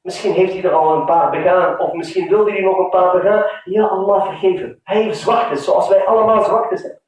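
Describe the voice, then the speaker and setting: A man preaching with strong emotion, his voice rising and dropping to a hush, with Arabic phrases woven into his talk. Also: sits high, steady tone, normal speed. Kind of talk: sermon. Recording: very echoey hall, mic far off.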